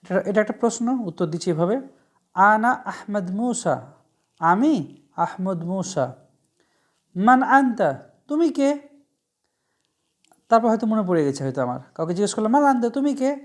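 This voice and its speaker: A woman with a Bangladeshi accent teaching an Arabic vocabulary lesson, explaining slowly, repeating each word and asking her students questions. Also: medium pitch, very animated, a little mellow.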